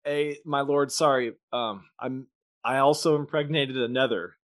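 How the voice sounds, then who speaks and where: A man's voice: medium pitch, steady tone, a little slow, a bit bright, close to an everyday voice. Sheepish, stammering angel, as a man reads him in near his own voice. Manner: hesitant, apologetic. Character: sheepish male archangel, apologetic.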